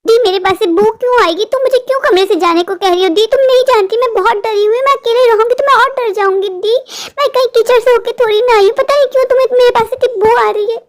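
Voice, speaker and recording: A woman doing a high, anxious young sister. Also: fast talker. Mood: scared. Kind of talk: animated horror story voice acting.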